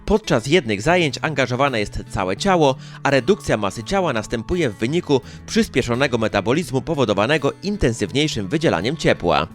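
A newsreel narrator reads scripted copy for a local news chronicle, music playing beneath him. His medium-pitched voice is very animated and fairly quick, with hardly any pauses.

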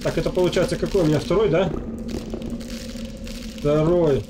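Casting: male let's play host, fairly high voice, casual muttered commentary, game noise behind. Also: steady tone, normal speed. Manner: muttering to himself while playing, addressing viewers. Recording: noisy, game sound behind voice.

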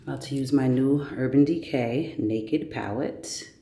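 A woman's voice: very deep voice, a little slow, gravelly, noisy background. A woman in her thirties casually narrating a family vlog and talking playfully to her baby and kids, recorded on a handheld camera. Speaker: vlogger and mother. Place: hotel room, lobby and city streets.

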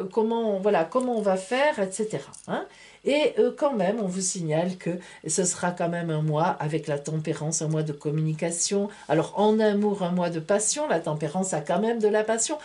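In a mid-range voice with a darkish tone, a woman who reads tarot and practices astrology delivers a casual monthly horoscope to camera. Her style is chatty and playful, full of "hein" and "voilà."

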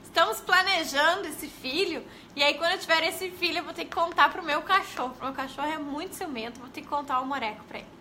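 A woman's voice: high-pitched, fast talker, hardly any pauses, pushed and bright, a little hiss or hum. A young woman with a Brazilian Portuguese accent, an early-literacy educator giving chatty tips in a casual live stream. She greets viewers and tags her sentences with questions.

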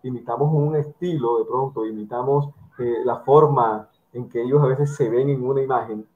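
A man's voice: mid-range voice, steady tone, normal speed. A middle-aged man from Colombia's hosts the talk with a mid-range voice. He explains patiently and speaks straight to his viewers, as if teaching a class. His voice comes through a thin, phone-like video call line. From Colombia, Barranquilla. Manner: explanatory, addresses viewers directly, lectures with examples. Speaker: host of an online drum interview.

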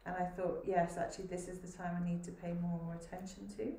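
A woman panelist on a video call giving a calm, thoughtful answer. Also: on the low side, a little fast. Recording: distant echoey room, faint noise.

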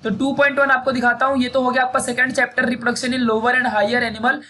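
A man's voice: extremely high pitch, little pitch movement, moderate pace, pushed and bright. A man teaching a casual syllabus walkthrough, chatty and repetitive, speaking. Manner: chatty, repeats "theek hai" often.

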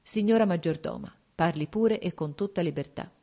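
A woman's voice: lowish voice, moderate pace, warm tone. A woman reading an audiobook, voicing an anxious, tearful young princess with a pleading, shaken manner. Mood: gentle.

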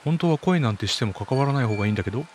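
A man reading aloud the lines of a timid young girl in a horror game, in his own plain, middle-pitched voice. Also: animated, racing, darkish tone, slight background noise, natural voice. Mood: earnest.

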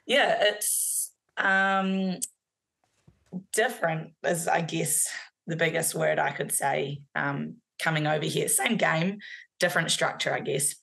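A woman's voice: low voice, fairly even intonation, slow pace, gravelly, fairly bright tone. A young New woman, an upbeat netball player chatting in a live remote interview, with many ums. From New Zealand. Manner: upbeat, many ums, uses Kiwi slang.

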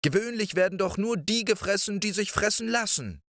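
A man doing a tiny, quick-witted boy with a high voice. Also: fairly bright tone, no echo, studio quality. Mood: earnest.

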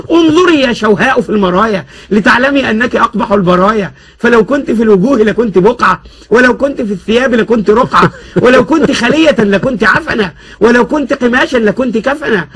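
Guy reciting an angry bus woman spitting rhymed insults, husky high voice. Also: fast talker, fairly bright tone, exaggerated voice. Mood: scornful. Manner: declaiming in rhymed classical prose.

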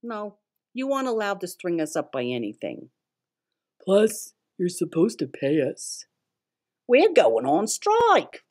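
A woman's voice: fairly low pitch, huge pitch swings, takes it slowly, darkish tone, exaggerated voice. A woman voicing complaining henchmen who whine about their boss. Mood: grumbling. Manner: whiny complaining. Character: grumbling put-upon male henchmen.

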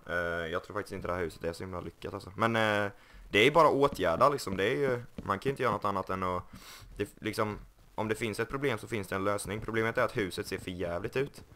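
A man's voice: fairly low pitch, fairly bright tone, slight background noise. A young man casually commenting on his game, joking and mocking himself. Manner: joking, self-mocking, puts on silly voices. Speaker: gaming YouTuber. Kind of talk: casual Let's Play commentary.

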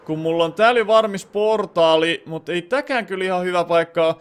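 A young Finnish man talking through a game session out loud, thinking aloud with lots of filler sounds. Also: high voice, clear, resonant tone. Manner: bursts into loud excited shouting. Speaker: gaming channel host. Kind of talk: Let's Play commentary.

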